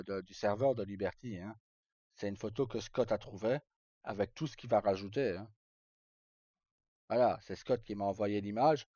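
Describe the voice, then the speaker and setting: This live-streamer's voice is fairly low and mellow, captured by a roomy, dull lo-fi stream mic. His explanations to viewers are casual and informal, marked by hesitation and repetition.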